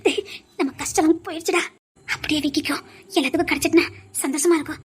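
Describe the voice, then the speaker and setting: A woman voicing an affectionate mother talking softly to her grown son, with a Tirunelveli Tamil accent. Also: high-pitched, steady tone, quick pace, natural voice. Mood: tender. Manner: soft, affectionate.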